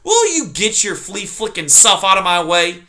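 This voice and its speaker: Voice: medium pitch, very animated, normal speed, pushed and bright, voice pushed up. Reader doing a grouchy old porcupine hermit, barking insults with a swooping voice. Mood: scornful. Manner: scornful, bellowing, insult-spitting. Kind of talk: storybook reading.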